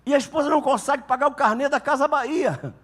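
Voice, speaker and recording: High-voiced pastor in an echoing hall. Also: male voice, quick pace. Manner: animated storytelling, acting out couples' quarrels. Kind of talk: sermon.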